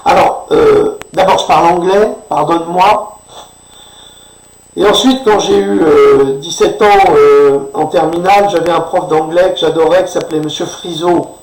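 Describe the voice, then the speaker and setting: Speaking at a measured pace in a slightly high voice, a male commentator rants indignantly and sarcastically about politics. He keeps adding a questioning "hein" to his sentences, and the distant recording carries room echo.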